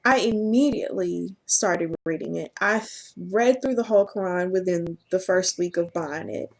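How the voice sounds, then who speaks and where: A woman telling her personal story to camera in an earnest, halting way, often laughing at herself. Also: on the low side. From Southern United States. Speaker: vlogger.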